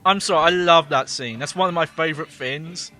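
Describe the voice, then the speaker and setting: A man's voice: a little high, brisk, bright, forceful tone, soft background music. A man streaming a game and giving casual, rambling commentary, laughing often.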